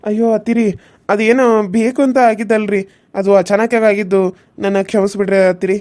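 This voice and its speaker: A woman's voice: medium pitch, steady tone, brisk, dark tone, lightly acted. Pleading young village husband, voiced by a woman. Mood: apologetic pleading. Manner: pleading, apologetic.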